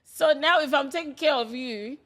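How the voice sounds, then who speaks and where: A woman's voice: high-pitched, a bit bright. Candid, laughing woman in her late twenties. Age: late 20s. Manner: chatty and candid, quick to laugh. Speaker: podcast guest. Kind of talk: casual chat.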